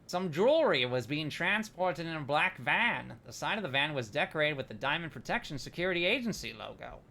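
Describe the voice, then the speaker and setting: A man's voice: on the high side, very animated, fairly quick, sharp tone, exaggerated voice. A man putting on the voice of a sinister male cartoon skeleton villain while reading a case report aloud. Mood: menacing.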